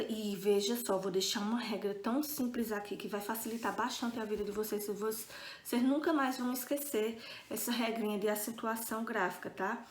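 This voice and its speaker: High-voiced teacher in a roomy space. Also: female voice, fairly bright tone. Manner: patient, checks in often with students. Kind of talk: recorded video lesson.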